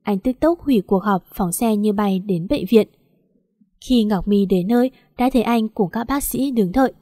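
A woman narrating an audiobook story in smooth, steady storytelling. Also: medium pitch, normal speed, no echo, clean studio sound.

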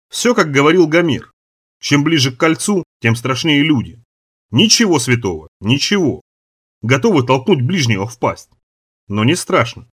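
A man reading a dark adventure audiobook in the first person, telling it dramatically. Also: medium pitch, husky. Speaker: narrator. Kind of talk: audiobook narration.

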